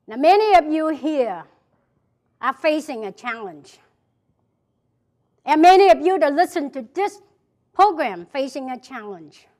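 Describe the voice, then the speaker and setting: This is a motivational speaker, a South Vietnamese woman with a Vietnamese accent, energetically addressing an event-hall audience and repeating central phrases. Her high voice is slightly mellow, with lively intonation, a measured pace, and long pauses.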